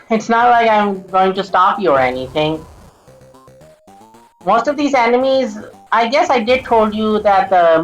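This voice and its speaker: A woman's voice: mid-range voice, dull audio. A woman giving casual let's-play commentary over a retro game, often stuttering, restarting sentences and laughing at her own slips. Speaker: gameplay commentator.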